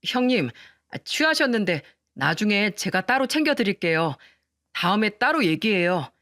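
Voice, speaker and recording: Woman reading a meek young husband, soft and pleading, dry close sound, storytelling. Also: mid-range voice, very animated, moderate pace, no room sound. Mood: apologetic. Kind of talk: storytelling radio narration.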